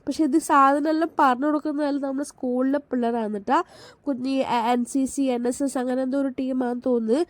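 A woman's voice: high-pitched, steady tone, fast talker, dry recording. A Malayali woman from Kerala narrating her family outing in a chatty, enthusiastic voice-over, with frequent restarts. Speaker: family vlogger.

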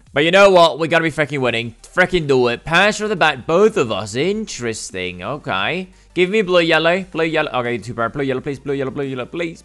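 A young man giving excitable, slangy gameplay commentary while gambling in a game, swearing and swinging between hype and groans. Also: a little high. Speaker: gaming YouTuber.

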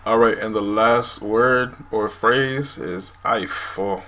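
This language video host, a man in his twenties, speaks slowly in a mid-range, slightly bright voice with fairly even intonation. He explains words casually to a camera indoors in a small home room, and the recording is noisy.

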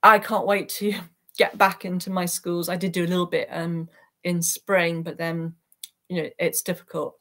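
Speaking earnestly over a video call, a woman reflects on her life as a peace activist and interview guest, her heartfelt account captured by a computer microphone in a small attic room at home. Her voice is on the low side and a bit bright, with a level tone and moderate pace, and there's slight background noise.

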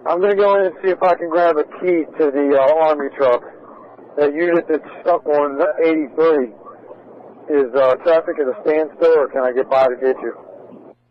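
A man's voice: fairly high pitch, fairly even intonation, moderate pace. A male police officer talking over a muffled, faintly noisy police radio.

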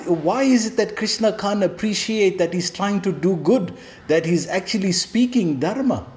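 A man delivers a devotional scripture lecture in a slightly higher voice, recorded in an echoey room. He explains patiently and keeps asking rhetorical questions, dropping a questioning "hmm?" to check that listeners follow. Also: darkish tone. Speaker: scripture teacher.

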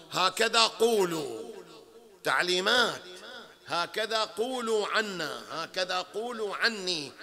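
A man's voice: sits high, sharp tone. A man with a Bahraini Arabic accent giving a religious lecture in a conversational way, often checking in with his listeners and building to emphatic peaks. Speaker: sheikh lecturing at a mourning hall.

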